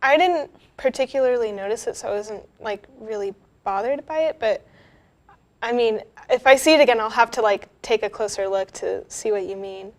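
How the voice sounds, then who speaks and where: A young woman co-hosts a casual film review with a fairly high voice. She is easygoing and agreeable and laughs easily. Her talk is full of fillers and quick hedged opinions. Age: young adult.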